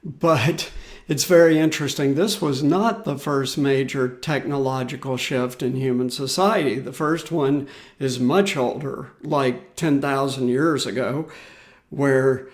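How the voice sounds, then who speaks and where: A man hosts his own solo podcast, offering commentary in a medium-pitched voice at a measured pace. His talk is loose and unhurried, packed with fillers and restarts.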